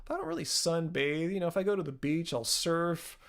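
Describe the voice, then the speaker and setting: Chatty man in his fifties, fairly high. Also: brisk. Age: 50s. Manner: chatty, rambling, self-correcting, laughs at own jokes. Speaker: channel host answering live chat. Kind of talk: casual live-stream Q&A.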